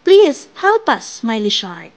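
A woman voicing a group of small fish in a storybook, calling out high and urgently. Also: big pitch swings, a little slow. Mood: pleading. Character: small frightened then joyful fish crowd.

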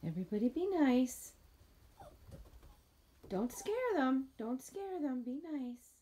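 A backyard chicken keeper who vlogs, this middle-aged woman talks casually to her pets with short, coaxing phrases, mostly out in her garden and around the coop. Her high, very animated voice is warm and slow-paced. The handheld phone recording carries a little hiss or hum.

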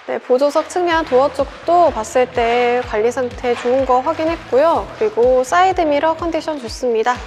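A woman's voice: sits high, normal speed, hardly any pauses, darkish tone. A young woman giving a methodical, polite scripted car walkaround as a sales presenter, over background music. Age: young adult. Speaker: used car dealership presenter. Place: large indoor car showroom, car interior and garage.

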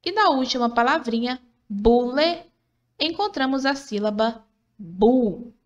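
A woman's voice: a little high, expressive, dull audio. A woman narrating a scripted literacy lesson for children, patient and encouraging, sounding out syllables one by one. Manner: slow, patient, syllable-by-syllable teaching; encouraging, asks questions then answers them.

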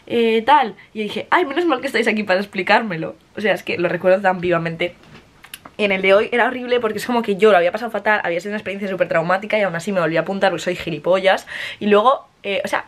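A woman, chatting casually to camera in a vlog, swearing freely and slipping in English words. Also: medium pitch. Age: early 20s. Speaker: vlogger.

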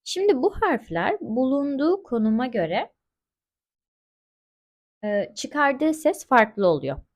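Woman teaching french, kinda high voice, super slow and patient, says every example word twice. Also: big pitch swings. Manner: patient, repeats example words slowly. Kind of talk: slow explanatory language lesson.

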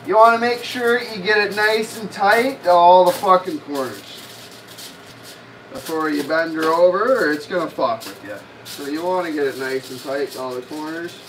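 A young man in his twenties with a high-pitched, fairly bright voice hosts a cooking stream from a small home kitchen, rambling casually and swearing heavily with lots of fillers. The audio is poor, distant from the mic, with slight background noise.

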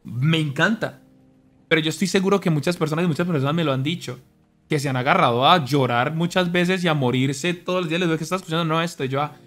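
A young man streaming, talking earnestly to his chat in an animated, preachy way. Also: a little high, quick pace. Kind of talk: casual monologue to stream chat. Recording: faint music behind.

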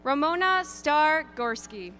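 A woman reading graduates' names at an outdoor graduation ceremony, announcing each one deliberately. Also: high voice, lively intonation, pushed and bright, slight background noise. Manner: deliberate, lilting name announcing. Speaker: graduation name reader. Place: outdoor stadium ceremony over PA.

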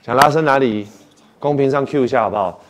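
A man's voice: medium pitch, quick pace, background noise. A man casually hosting a live stretching session, chatty and often checking in with questions. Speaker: fitness livestream host. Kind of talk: casual livestream chat and stretching instruction. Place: indoor home-style studio, seated on mat. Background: faint music.

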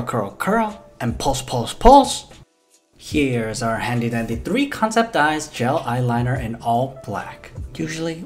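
A young man doing a comedic voiceover for a makeup video, playful and jokey, swearing freely and throwing in loud exclamations. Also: medium pitch. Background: faint background music.

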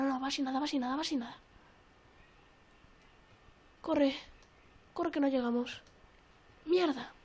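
Young woman, high voice, excitable gameplay commentary, repeats herself. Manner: excitable, repeats phrases, swears often. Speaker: gaming YouTuber. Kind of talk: casual let's-play commentary.

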